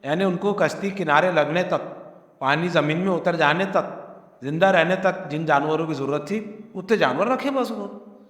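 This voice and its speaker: An earnest male preacher speaks, pressing his point with rhetorical questions. His voice sits high. It rings out through a large, echoing hall. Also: a bit bright. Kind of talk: Quranic commentary sermon. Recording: echoey hall.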